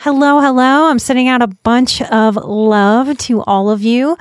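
A woman's voice: fairly high pitch, fairly even intonation, clean tone, dry recording, soft background music. Woman in her late thirties, podcast host, earnest reflective storytelling, close dry mic. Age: 30s. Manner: earnest, slows down for emphasis. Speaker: podcast host and life coach.

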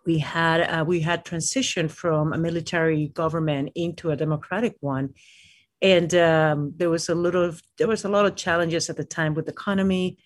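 A woman from Peru, a mountaineer guest in an interview, speaking in a halting way with many fillers and restarts. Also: low voice, fairly even intonation, no room sound. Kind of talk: casual interview talk.

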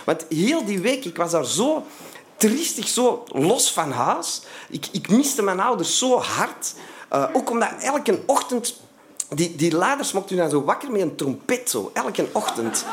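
Flemish male storyteller, animated and expressive, bit higher-pitched, lots of "eh" and restarts. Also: a little slow, a little hiss or hum. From Flanders, Belgium. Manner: animated, lively telling with many fillers and restarts. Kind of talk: personal storytelling monologue.

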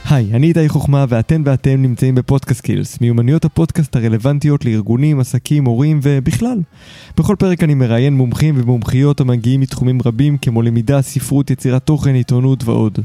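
A man hosting a podcast, reading a scripted intro in a measured, explanatory way and chatting casually with his guest. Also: medium pitch, mellow, no echo, faint music behind. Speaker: podcast host.

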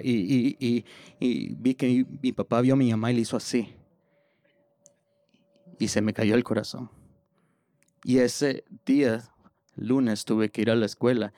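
A man telling a personal story on stage in a lively way, often stumbling over repeated words as he restarts. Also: mid-range voice, no room sound, studio quality. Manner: animated, with stammered restarts.

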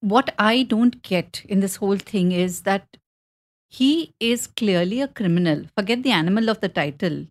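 A woman's voice: medium pitch, normal speed. A middle-aged woman, co-hosting a film chat and often laughing as she retells things with animation. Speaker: co-host. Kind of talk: casual chat about films.

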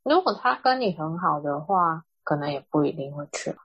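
A young woman co-hosts a casual podcast and reacts supportively to her friend's story. Her voice is low, husky and breathy, recorded dry and close. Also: animated, moderate pace, dry recording, dull audio. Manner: supportive listener, brief reactions. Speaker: podcast co-host. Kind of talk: casual chat.

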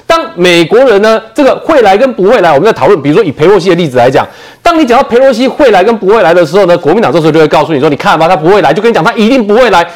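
Fast, emphatic male political commentator. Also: high-pitched, big pitch swings. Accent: Taiwanese Mandarin. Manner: fast, emphatic, rhetorical questions. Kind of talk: heated political talk show debate.

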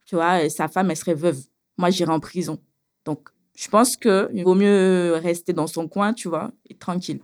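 A woman as an interview guest, telling her own story in casual conversation, animated and hesitant, often repeating herself. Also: on the low side, moderate pace. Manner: animated, hesitant with frequent fillers and repetitions.

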